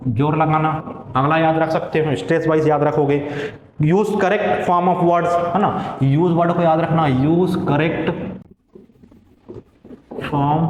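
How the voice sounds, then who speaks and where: A man's voice: a little high, a little mellow. A male teacher giving an exam-prep lecture, repeating key terms over and over and mixing English terms into his explanations. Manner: repetitive, drills terms, mixes English terms into Hindi. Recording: echoey classroom, faint room noise.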